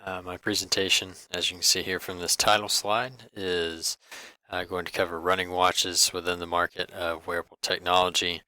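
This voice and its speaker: Young man, class slide presentation, very low flat voice, bright tone, halting with fillers. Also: no echo. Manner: halting, many fillers and restarts. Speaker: student presenter.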